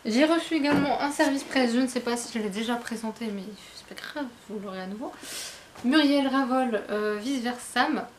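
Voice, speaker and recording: A woman's voice: a little high, normal speed, slight background noise. Tired, rambling woman book vlogger. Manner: rambling, self-mocking, stumbles over words. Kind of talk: casual book haul vlog. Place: at home, indoors.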